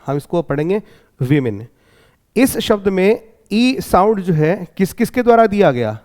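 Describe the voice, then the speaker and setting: High-voiced Indian man teaching pronunciation. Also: big pitch swings, unhurried, a little mellow. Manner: explains step by step, checks in with 'clear?'. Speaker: English teacher. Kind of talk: exam-prep lesson.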